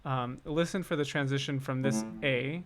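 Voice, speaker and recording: A music composer hosts a casual livestream while composing, thinking aloud and chatting with viewers in a musing way, with self-deprecating asides. His mid-range voice has fairly even intonation and a moderate pace. Loud cello and piano music, the piece he is composing, plays behind him.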